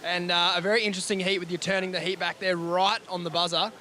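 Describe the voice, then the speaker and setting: A man with a high, bright voice conducts an outdoor beach interview. He speaks quickly in an upbeat sports-reporter style. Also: flat delivery. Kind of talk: upbeat post-heat interview.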